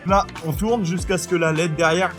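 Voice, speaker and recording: A man's voice: sits high, steady tone, normal speed, music in the background. Chatty man vlogging outdoors on a job site. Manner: chatty, explains step by step, swears lightly. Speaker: drone roof-cleaning contractor. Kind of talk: casual on-site vlog. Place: outdoors on a building site at a large property.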